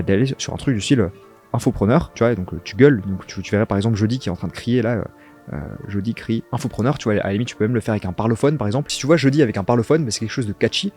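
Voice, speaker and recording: A man's voice: medium pitch, a little mellow. A man, a copywriter, giving a casual video tutorial, talking straight to the viewer in an informal, slangy way. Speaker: copywriter teaching ad scripting.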